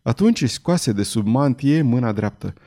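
A man narrating a novel as an audiobook in a measured, dramatic storytelling manner. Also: medium pitch, animated, mellow.

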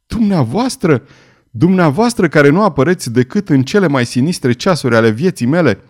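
A man's voice: lively intonation, a little mellow. A man voicing a frantic young mother. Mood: indignant. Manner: raised pitch, shrill cries and pleading.

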